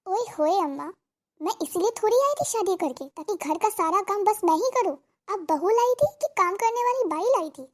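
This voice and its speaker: A woman's voice: very high-pitched, expressive, moderate pace. A woman voicing a lazy, sly young daughter-in-law who whines and plays innocent. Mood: cheeky. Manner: whiny, coaxing, fake innocent.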